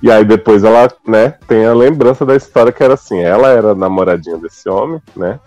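A man's voice: on the low side, brisk, darkish tone, dry recording, lo-fi sound, faint music behind. A man in casual conversation, retelling movie scenes animatedly and acting out quotes. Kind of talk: casual chat.

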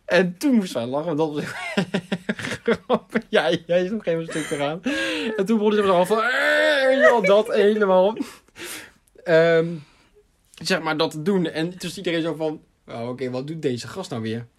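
A young adult man casually telling a funny school story, animated and laughing as he goes, with lots of fillers. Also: sits high, moderate pace.

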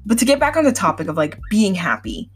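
A woman's voice: mid-range voice, wildly swooping pitch, quick pace, slightly rough, faint music behind. A woman in her twenties hosting a solo podcast, talking candidly in a chatty, filler-heavy way while slightly sick. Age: 20s. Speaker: podcast host. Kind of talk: casual solo podcast talk.

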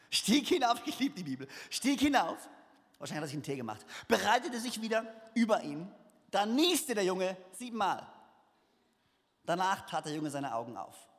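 A man with a high, light voice reads a scripture story aloud as a sermon. He breaks off now and then for lively, humorous asides. His voice carries a long reverb from the hall. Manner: lively reading with asides and laughter. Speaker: preacher. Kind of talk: sermon reading scripture with comments.

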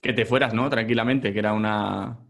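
A man's voice: fairly low pitch, steady tone, brisk, vocal fry, a bit bright. A man hosting an interview, who encourages his guest and asks long, winding questions. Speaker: podcast host.

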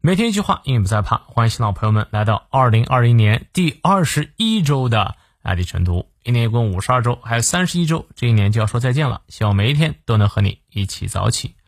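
A man hosts a morning English lesson, breaking a quotation into single words. He explains patiently, dropping short "ah" fillers between phrases, at a mid-range pitch. The recording is dry and close. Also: sing-song, quick pace, hardly any pauses, no echo. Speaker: English teacher and host.

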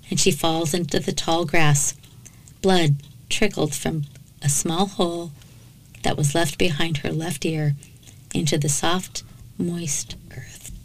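A woman with a slightly low voice narrates a true crime case in a podcast. Her storytelling is dramatic and measured. She drops in blunt, sarcastic remarks along the way. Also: low-quality recording.

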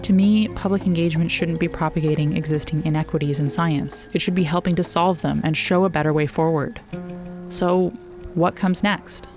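Lowish American woman narrating over music. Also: steady tone, normal speed. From northern New Mexico, United States. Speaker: podcast host. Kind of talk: scripted podcast narration.

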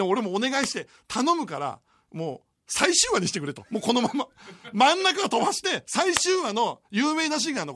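A high, bright-voiced man in his forties hosts a late-night radio show from a studio. He tells a long story in a lively way and laughs often. The sound is close and dry. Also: no room sound. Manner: animated storytelling with frequent laughter. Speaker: radio host. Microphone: studio microphone.

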